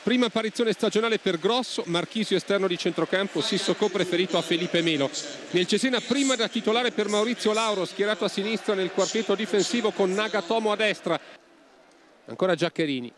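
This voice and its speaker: A man giving football highlights commentary in clipped, telegraphic phrases, as a scripted match report. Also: brisk, crowd noise.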